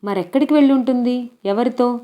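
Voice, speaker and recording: Brisk young police inspector, read by a woman. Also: fairly high pitch, dark tone, voice pushed up, natural voice. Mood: questioning.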